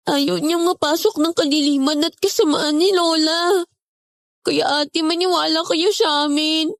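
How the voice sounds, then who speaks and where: A sweet urgent little girl voice, high and dry. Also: no room sound. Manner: gentle, urgent, respectful. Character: polite earnest young girl, one of twins.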